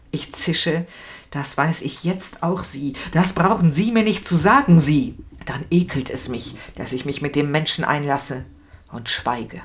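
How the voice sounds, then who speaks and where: A woman reading a novel aloud in the first person, expressive and emotional, moving between fear and anger. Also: deep voice. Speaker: reader.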